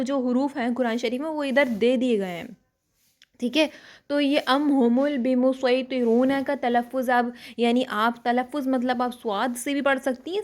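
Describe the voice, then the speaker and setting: A woman teaching Quran recitation rules, explaining patiently step by step, often checking that her students follow, and chanting Arabic words slowly and drawn out. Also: high-pitched. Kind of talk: online tajweed lesson.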